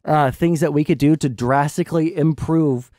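A young adult man hosting a stream, explaining his political views casually in a measured, halting way. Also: fairly high pitch, fairly even intonation, dark tone, dry recording, studio quality. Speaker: streamer host. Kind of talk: casual political discussion over a game stream. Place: small indoor streaming room. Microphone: close desk mic with headset.

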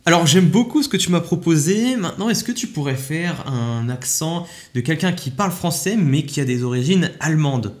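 A man with a slightly higher-than-usual voice talks through an app demo in a relaxed, chatty vlog manner. He walks the listener through each step, sprinkling his sentences with casual fillers. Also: normal speed, hardly any pauses. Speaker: tech YouTuber testing an AI app. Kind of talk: casual tutorial commentary.

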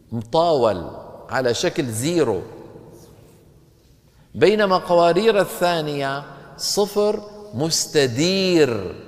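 A man teaches Quran recitation, stopping to quiz his class. His voice sits a little high for a man. He draws the verses out in a slow chant, and a long reverb trails behind him. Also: darkish tone. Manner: explains with questions to the class, chants verses slowly. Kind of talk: recitation lesson with chanted examples.

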